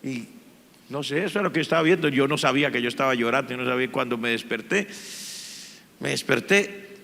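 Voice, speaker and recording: A man, a pastor, telling his testimony in a sermon, speaking with strong emotion and sudden loud swells. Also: medium pitch, brisk, vocal fry. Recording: long hall reverb.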